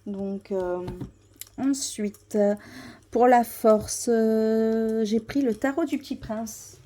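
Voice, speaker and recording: Woman going through her tarot decks, warm low-key voice, lots of umms and restarts. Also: fairly even intonation, slow, slight background noise. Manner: hesitant, many fillers and restarts. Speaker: tarot vlogger. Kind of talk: casual show-and-tell.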